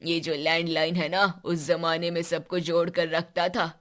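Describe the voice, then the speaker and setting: A woman voicing an elderly grandfather, a former soldier, who talks slowly and fondly in a cartoon story. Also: fairly low pitch, flat delivery, lightly acted. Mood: nostalgic. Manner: slow, fond, scolding then gentle.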